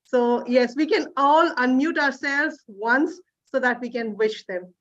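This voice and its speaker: A woman moderates an online women's session over a video call. Her voice sits high and she talks slowly, encouraging everyone. The call audio is a little dull. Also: fairly bright tone. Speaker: session host. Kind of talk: online group meeting moderation.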